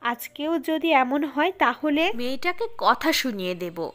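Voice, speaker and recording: A sulky young student girl, voiced by a woman reader, whining and complaining with a pout in her voice. Fairly high, plain storybook delivery. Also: sing-song, measured pace, a bit bright, full character voice. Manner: whiny, complaining.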